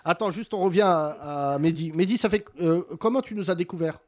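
A man's voice: sits high, a little fast, a little mellow. A man in his thirties bantering casually as a comedian and podcast host, brash, teasing and mock-boastful. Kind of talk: comic banter in casual chat.

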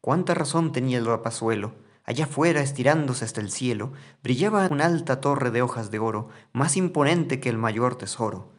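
A man narrating a rhymed comic story in a playful, expressive way. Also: mid-range voice, fairly quick, hardly any pauses.

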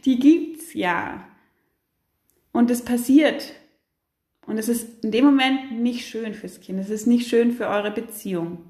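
A woman hosting a parenting podcast, giving casual advice in a lively way with many fillers and acted-out angry outbursts. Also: fairly high pitch, roomy sound. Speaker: podcast host, parenting coach.

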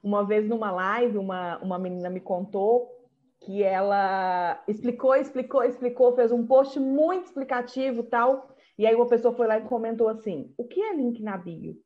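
A woman with a fairly high voice talks casually and hammers her points home by repeating them. The sound is slightly dull and lo-fi. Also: fairly even intonation, moderate pace. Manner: emphatic, repeats key phrases. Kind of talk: casual conversation.

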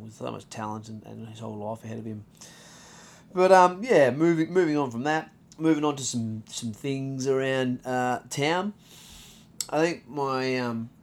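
A man in his thirties with an Australian accent, hosting a casual solo podcast, laid-back and rambling, swearing freely and filling pauses with ums. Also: mid-range voice, vocal fry, a little mellow, slight background noise. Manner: laid-back, profane, rambling with many fillers. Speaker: podcast host.

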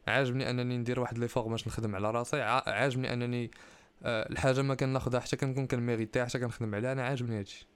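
A young man speaks with a Moroccan accent at a rapid-fire pace. His voice is crisp and sounds dry and close. He hosts casually, pressing his advice emphatically and mixing in French and English. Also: mid-range voice, flat delivery, dry recording. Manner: mixes Arabic with French and English phrases; emphatic, motivational advice-giving. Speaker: podcast host. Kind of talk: casual chat, answering listener questions.

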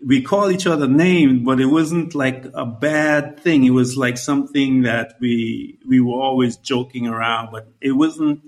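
A man's voice: medium pitch, a little slow, few pauses. Male interviewer from Guyana; rambling, searching, conversational questions.

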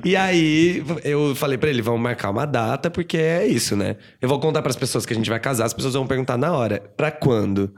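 A man telling a personal story in a casual podcast chat, animated and chatty, tossing in tag questions. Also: medium pitch, fast talker, few pauses. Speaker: guest storyteller.

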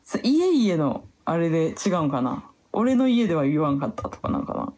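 Young woman, Kansai accent, podcast co-host, casual chat, relaxed, lively pitch, faint noise. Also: moderate pace. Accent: Kansai Japanese. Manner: relaxed, laughs often, reads from phone search results.

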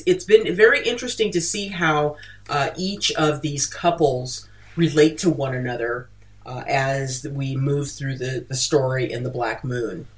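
A podcast host in casual book-club chat, hesitant, with many "uh"s and repeated words. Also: medium pitch.

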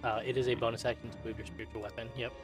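A man running a tabletop game as game master, giving matter-of-fact rulings and brisk narration. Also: medium pitch, level tone, over music.

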